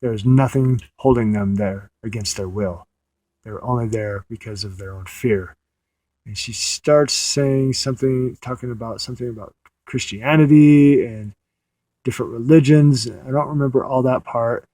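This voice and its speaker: A man's voice: mid-range voice, normal speed, dark tone, dry recording. A man recounting a dream in a casual, meandering way, often restarting his sentences, sitting in a parked car at night. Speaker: audio diarist.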